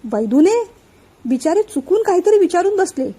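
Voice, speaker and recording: A woman voicing a meddling, sharp-tongued middle-aged aunt who prods and scolds. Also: very high voice, big pitch swings, moderate pace, pitched above the performer's own voice. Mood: prying.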